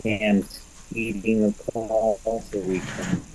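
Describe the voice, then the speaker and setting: A low, dark-voiced man speaks at an unhurried, deliberate pace, his halting and formal words drifting as his video call connection breaks up. He sounds distant through the dropping stream. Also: little pitch movement, a little hiss or hum. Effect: breaking-up video call audio. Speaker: commission member. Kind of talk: remote public meeting.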